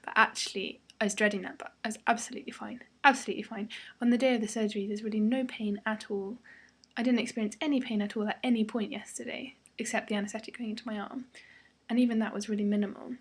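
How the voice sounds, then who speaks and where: A young British woman talking casually and ramblingly in a personal vlog, sounding tired the day after surgery, with a breathy, slightly husky voice. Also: fairly high pitch, fairly even intonation, fast talker. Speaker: vlogger.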